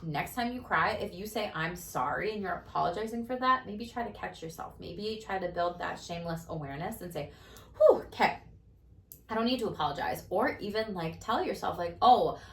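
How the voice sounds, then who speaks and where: Chatty low-voiced woman in roomy sound. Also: fairly quick, vocal fry, few pauses. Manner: animated, chatty, many fillers. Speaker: host and coach. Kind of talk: casual conversation. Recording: roomy, distant mic, faint noise.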